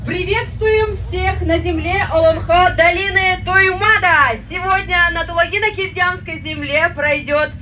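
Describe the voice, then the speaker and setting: Female live prize announcer, booming and very high-pitched, heard from a distance over outdoor PA. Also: fairly even intonation, noisy background. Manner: booming prize-announcer delivery, drawn-out exclamations. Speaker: event announcer and host. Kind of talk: live ceremony announcing to a crowd. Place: outdoor stage at a motorsport event. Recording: distant outdoor PA with music behind.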